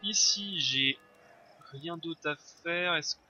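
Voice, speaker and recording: A man's voice: fairly high pitch, slow pace, pushed and bright, faint music behind. A man casually commenting on his strategy game as he plays, thinking aloud with frequent hesitations. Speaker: let's play host. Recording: slightly dull lo-fi sound, faint noise.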